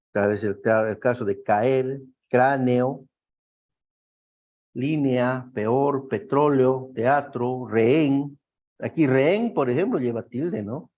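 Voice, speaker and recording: A man teaching a grammar class, explaining slowly and often checking that students follow. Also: mid-range voice. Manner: slow, explanatory, checks with frequent questions. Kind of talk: classroom lecture. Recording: dull lo-fi recording.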